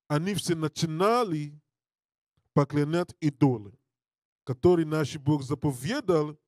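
A man preaching and reading scripture in non-native Russian with a foreign accent, halting and repeating his phrases. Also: on the high side, warm tone, no echo, clean studio sound. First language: not a native Russian speaker. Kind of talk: Bible teaching with scripture reading. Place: indoor studio with draped backdrop. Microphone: handheld mic held close.

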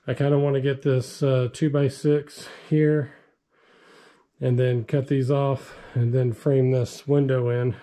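A man's voice: medium pitch, warm tone. A middle-aged man giving a casual, rambling walkthrough of his basement build, with lots of "um"s, recorded on an action camera in an unfinished basement. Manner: rambling, filler-heavy explaining. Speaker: DIY vlogger. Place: unfinished basement under construction.

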